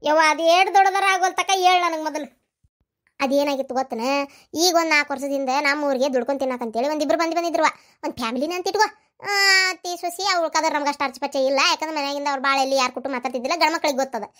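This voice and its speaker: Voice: sits high, a bit bright. A performer voicing a chatty, nosy village woman just back from the city, speaking with a North Karnataka Kannada accent in a cartoon comedy. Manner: nosy, pestering, quick to tease.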